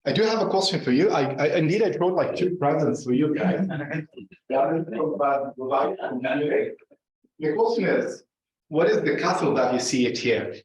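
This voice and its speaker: A middle-aged professor from Gaza, Palestine, with a Palestinian Arabic accent, gives an informal academic talk as an invited speaker in an indoor lecture room. He's conversational and halting, frequently checking in with "right?" and "like", in a fairly high, expressive, slightly mellow voice. The room is very echoey and the distant mic muffled.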